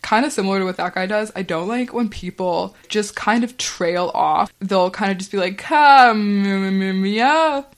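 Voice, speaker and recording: A young woman hosting a podcast, telling casual stories in a chatty voice full of fillers and quick laughs. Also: medium pitch, steady tone. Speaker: podcast host. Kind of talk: casual storytelling monologue.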